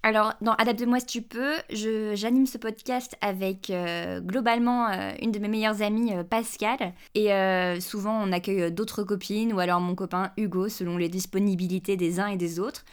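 A woman guest on a podcast, explaining things in a relaxed, casual chat. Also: mid-range voice, normal speed, hardly any pauses, smooth. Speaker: podcast guest and host of her own podcast.

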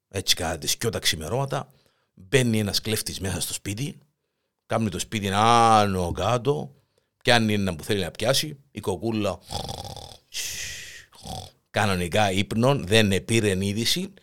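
A man with a Cypriot accent telling a joke in a lively storyteller's way. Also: lowish voice, pauses often. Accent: Cypriot Greek. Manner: lively storytelling, acts out voices. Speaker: joke teller.

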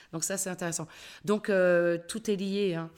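Animated Parisian woman voice coach. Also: on the low side, a little slow, clean tone. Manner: animated, many hesitations and fillers. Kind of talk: casual interview talk.

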